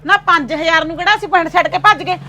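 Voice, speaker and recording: A woman's voice: very high-pitched, fast, pushed and bright, heavily acted. Channo, a woman as a scolding village housewife. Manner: scolding, bossy and blunt. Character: sharp-tongued, quarrelsome village housewife. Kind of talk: comedy skit acting.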